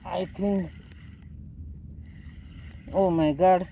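A man's voice: high-pitched, fairly even intonation, very slow, vocal fry, highs cut off, slight background noise. A middle-aged man chatting casually to viewers as he fishes from a small boat, filming on a phone held at arm's length, with boat and water sounds behind. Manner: chatty, addresses viewers as guys, simple phrasing. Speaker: fishing vlogger. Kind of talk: casual narration while fishing. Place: outdoors on a small boat at sea.

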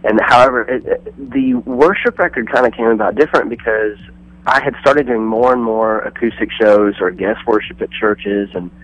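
A man's voice: mid-range voice, normal speed, dry recording, dull audio. A man calling in over the phone as a touring musician guest, rambling through stories and acting out what people said to him. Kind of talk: casual radio phone interview.

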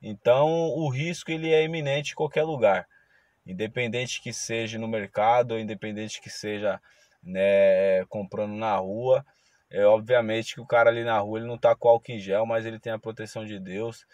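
A man, a driver telling a story in a casual vlog, moralizing and slow. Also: fairly low pitch, fairly even intonation, darkish tone, dry recording, dull audio. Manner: moralizing, preachy, slow and drawn out. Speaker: ride-hailing driver.

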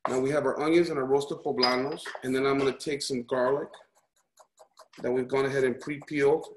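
Hosting a relaxed cooking class, this man speaks fairly fast in a steady, mid-range voice. Cheerful and encouraging, he chats as he demonstrates and keeps asking listeners "right?" or "okay?"; the room echoes and there's background noise.

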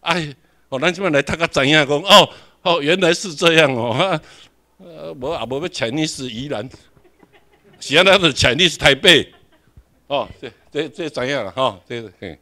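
A man's voice: fairly high pitch, normal speed, pushed and bright. A man with a Taiwanese accent giving a classroom lecture, questioning the audience and repeating his points.

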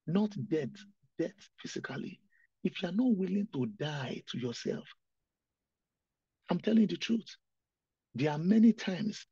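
A man's voice: fairly high pitch, mellow, breathy edge, dry recording, lo-fi sound. Young male pastor, earnest pleading sermon, dry close sound.

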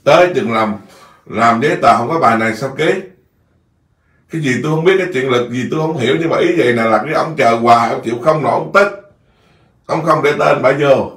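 A man's voice: mid-range voice, fairly quick, fairly bright tone. A man with a Southern Vietnamese accent, a Buddhist monk telling a rambling story in an informal dharma talk, often repeating words. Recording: echoey room, distant mic.

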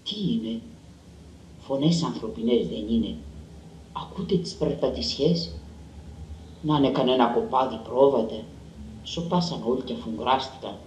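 A man giving a measured, dramatic literary reading of a story. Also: medium pitch, a little mellow, highs cut off, slight background noise. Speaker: reader. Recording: roomy and distant.

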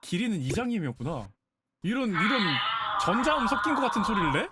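A woman's voice: medium pitch, sing-song, quick pace, heavy background noise. A woman streamer chatting casually and playfully, exclaiming and guessing aloud. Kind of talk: casual live-stream chat.

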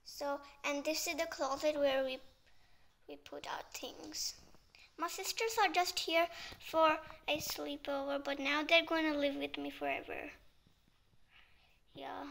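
A woman chatting casually as a vlogger, talking in a sleepy way and often dropping to a hushed near-whisper. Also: sits high, gravelly, slight background noise. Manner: slow and sleepy. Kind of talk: casual vlog narration.

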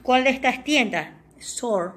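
A woman hosting a tutorial, walking viewers step by step through a language-learning app and pausing often to check they follow. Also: fairly high pitch, darkish tone, breathy edge. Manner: reads English words aloud for the viewer. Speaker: tutorial host.

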